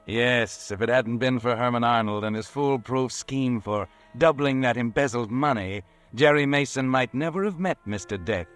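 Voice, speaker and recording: A man playing the Whistler, an eerie, all-knowing narrator who walks by night, telling the story slowly and ominously in a 1940s radio drama. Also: mid-range voice, fairly bright tone, natural voice. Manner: slow, ominous, measured storytelling. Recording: old radio recording with faint music.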